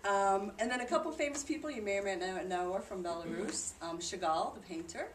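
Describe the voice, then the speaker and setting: A woman with a medium-pitched, slightly fast voice gives a group an informal, conversational presentation reporting on a charity trip. A distant mic captures it in a noisy, echoey room.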